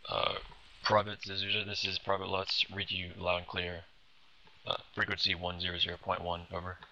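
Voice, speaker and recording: A man doing radio checks over an in-game helmet radio, halting with fillers. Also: low-pitched, monotone, pushed and bright, lo-fi sound, slight background noise. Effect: in-game helmet radio transmission. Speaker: player on a military sim radio net. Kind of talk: radio procedure.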